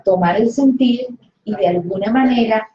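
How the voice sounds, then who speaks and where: A woman's voice: fairly high pitch, moderate pace, a little hiss or hum. A woman with a Colombian accent leading a spiritual study group, explaining step by step and asking rhetorical questions that she then answers herself. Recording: roomy, slightly dull recording.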